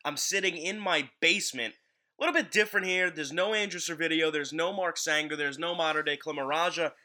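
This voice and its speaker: A man hosts a casual sports podcast about wrestling from a home basement. His voice is a little high and a little fast, bright, with a forceful tone.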